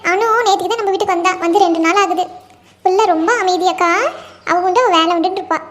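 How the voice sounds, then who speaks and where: Woman doing squeaky high fast-talking cartoon aunties, gossipy sing-song chatter. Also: steady tone, fairly bright tone. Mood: chatty. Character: chatty village aunties and young wife, several women. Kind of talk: animated cartoon voice acting.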